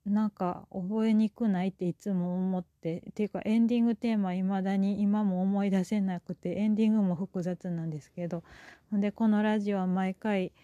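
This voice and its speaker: A woman with a Kansai accent chats alone into the mic, rambling easily from one thought to the next with plenty of fillers. Her voice is mellow and warm, of middle pitch, and sits dry and close. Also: fairly even intonation, brisk, no room sound, muffled recording. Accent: Kansai Japanese. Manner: chatty, rambling, many fillers. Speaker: podcast host. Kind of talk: casual storytelling monologue.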